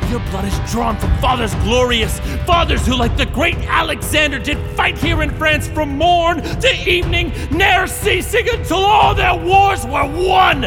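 A high-voiced actor playing a fiery warrior king who shouts his troops into battle, drawing each line out slowly. Loud music swells under the voice. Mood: rallying. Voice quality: declaiming, shouted battle speech. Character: rousing young warrior king leading troops. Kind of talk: Shakespearean stage acting.

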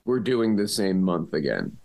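A man hosting a podcast in casual banter, with a sleepy, just-woken vocal fry in his voice. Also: low-pitched, very animated, unhurried, darkish tone. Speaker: podcast host.

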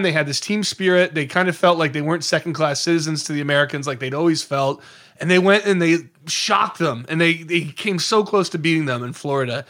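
A man chats on a podcast in a somewhat raised voice, rambling eagerly from one anecdote to the next. He often jumps into quick impressions of the people in his story. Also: a little high. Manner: lively, digressive storyteller who slips into quoted voices. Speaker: podcast guest.

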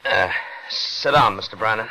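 Brief: a calm friendly husband, 1940s radio drama. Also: male voice, lowish voice, low-quality recording. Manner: relaxed, friendly, unhurried. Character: calm, easygoing husband offering coffee. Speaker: husband of the house. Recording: old radio broadcast.

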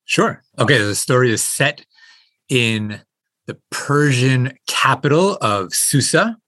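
A man's voice: mid-range voice, lively intonation, takes it slowly, bright, forceful tone, dry recording. A man speaking as a guest professor, giving a conversational scholarly explanation. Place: library, late at night.

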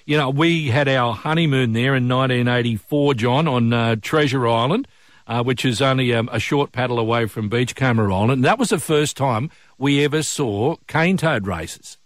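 A man's voice: mid-range voice, moderate pace, no echo, clean studio sound. An older man with an Australian accent, presenting and chatting as a breakfast radio host. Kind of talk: commercial radio presenting and chat.

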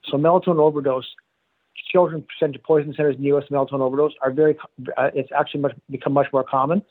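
Brisk male medical expert, slightly high voice, tinny phone-line sound, careful and explanatory. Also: steady tone. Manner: measured, explanatory, self-correcting. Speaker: pediatrics and pharmacology professor. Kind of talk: phone interview.

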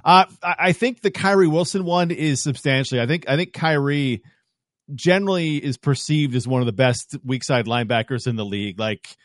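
Animated man breaking down football. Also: medium pitch, fairly quick, no room sound, studio quality. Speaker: football analyst guest. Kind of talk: casual sports talk.

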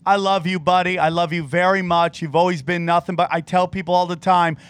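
A man's voice: high-pitched, flat delivery, fairly quick, clear, resonant tone, dry recording. A man hosting an interview in a casual, informal and earnest way. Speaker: show host and interviewer.

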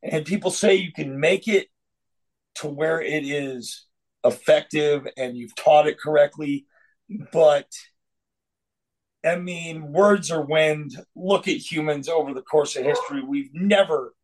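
Slow and a little high-voiced, this roundtable panelist pushes his view in a relaxed podcast conversation. He is opinionated yet keeps stumbling into restarts and fillers, captured on poor audio.

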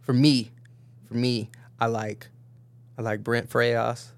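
A man's voice: mid-range voice, level tone, takes it slowly. A young man chatting casually in hyped frat-bro slang, peppered with dude and swearing. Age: young adult. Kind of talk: casual banter about music.

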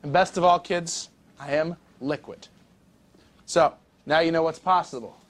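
A man's voice: fairly high pitch, fairly even intonation, a little slow. A man delivering a boastful, cocky monologue as film dialogue.

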